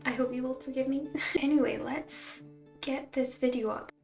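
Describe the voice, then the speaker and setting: Casting: Scottish woman vlogger, twenties, fairly high voice, apologetic confiding chat, recorded in a roomy space a little off the mic. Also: steady tone, moderate pace, creaky, over music. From Scotland. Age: 20s. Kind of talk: casual chat to viewers. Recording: roomy, slightly distant mic.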